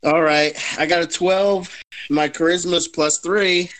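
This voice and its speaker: A man's voice: on the high side, steady tone, measured pace, fairly bright tone, a little hiss or hum, rough recording. A man playing a tabletop game, describing his character's moves in a laid-back way. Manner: laid-back, rolling dice and narrating actions. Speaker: player.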